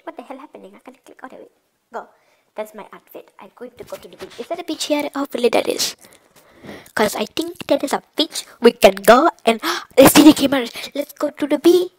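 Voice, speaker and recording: A young woman with a high voice that leaps all over its range talks through a game in a crude, bratty way, swearing at nearly every turn. There is a faint hiss of noise in the background. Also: low-quality recording. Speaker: gamer. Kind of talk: comedic game commentary.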